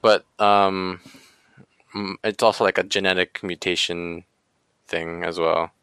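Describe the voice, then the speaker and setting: A man's voice: low-pitched, steady tone, measured pace, fairly bright tone, smooth, no room sound. A man hosting a casual talk show, speaking hesitantly with many fillers. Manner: hesitant, many ums and likes. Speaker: podcast host. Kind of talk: casual chat.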